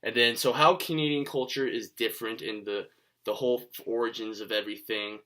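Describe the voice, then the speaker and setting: A young man from Washington state talking through a class video presentation in a casual, halting way, with many fillers and restarts. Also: mid-range voice, fairly even intonation, a bit bright. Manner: casual, conversational. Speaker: student presenter.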